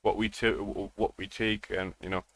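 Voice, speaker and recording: A man in casual conversation as a livestream host, easygoing and chatty. His voice sits on the low side and sounds dry and close, with little room around it. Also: moderate pace, vocal fry, no echo. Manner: relaxed, lots of "you know" and "man". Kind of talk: casual chat.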